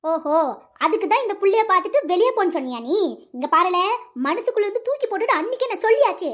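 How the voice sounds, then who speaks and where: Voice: extremely high pitch, expressive, fast talker, fairly bright tone. A performer voicing a domineering, money-minded middle-aged mother in a cartoon, scolding her son in a bossy, colloquial way. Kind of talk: cartoon voice acting.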